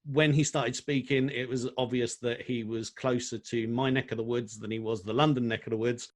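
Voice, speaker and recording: A man's voice: mid-range voice, steady tone, moderate pace. A man hosting a podcast, introducing and bantering with his guest in an enthusiastic, friendly way. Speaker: podcast host. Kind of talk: casual podcast interview.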